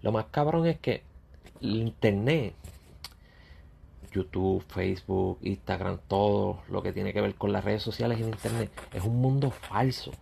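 Gravelly man ranting at critics. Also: on the low side, unhurried, mellow. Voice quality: gravelly, husky. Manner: blunt, confrontational, addresses critics directly. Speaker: YouTuber. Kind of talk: ranting vlog monologue.

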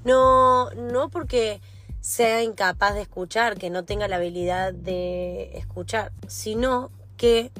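A woman's voice: mid-range voice, slow, fairly bright tone, faint music behind. A woman in her twenties with a Rioplatense Spanish accent, hosting her own podcast and talking in a chatty, confiding way straight to the listener. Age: 20s. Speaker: podcast host. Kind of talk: personal podcast monologue.

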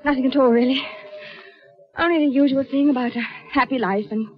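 An actress playing a nervous, evasive young fiancée in dramatic 1940s radio style. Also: female voice, high voice, fairly quick, slight background noise, natural voice. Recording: dull old radio recording.

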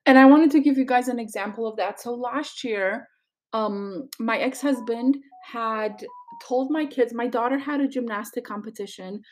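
A woman's voice: fairly high pitch, normal speed, a little mellow. A middle-aged woman hosting a podcast, talking casually about her family in a chatty way, full of fillers and asides. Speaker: podcast host. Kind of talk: casual personal monologue.

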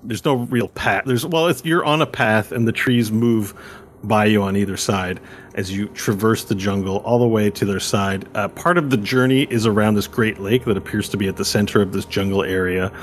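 Lowish-voiced man running a tabletop game. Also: moderate pace, a little hiss or hum. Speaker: game master. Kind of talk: improvised tabletop game narration.

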